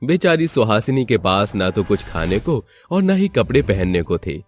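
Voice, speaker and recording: Low, lively male storyteller. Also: moderate pace, faint music behind. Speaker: narrator. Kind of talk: scripted story narration.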